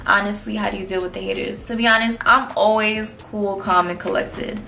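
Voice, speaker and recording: Laid-back young New woman, vocal fry. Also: mid-range voice, steady tone, a little fast, pushed and bright. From New York. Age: early 20s. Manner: slangy, blunt, laid-back. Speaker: vlogger answering fan questions. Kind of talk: casual Q&A chat.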